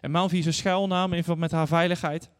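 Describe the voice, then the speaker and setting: A man in his thirties or forties delivers an earnest sermon, moving between scripture reading and personal stories. His voice sits a touch higher than most men's. It rings out with a long reverb trail in a large church hall. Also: flat delivery, quick pace, clear, resonant tone. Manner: earnest, storytelling, addresses congregation directly. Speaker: guest preacher.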